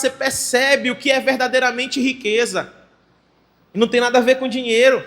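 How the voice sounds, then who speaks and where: A man pastor with a Maranhão accent preaching a fervent sermon in church, often breaking into shouted exclamations. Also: extremely high pitch. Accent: Maranhão Portuguese.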